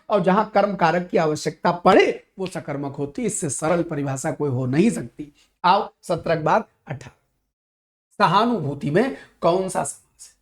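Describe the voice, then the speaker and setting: A man teaching an exam-prep grammar lecture, lively and rhetorical, acting out student questions as he goes. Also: sits high. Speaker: Hindi teacher.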